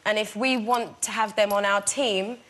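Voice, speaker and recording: Bright giggly young woman. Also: medium pitch, steady tone. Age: 20s. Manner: bubbly, giggly, quick. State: has a cold. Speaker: singer, guest. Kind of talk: talk show interview. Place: TV studio with audience.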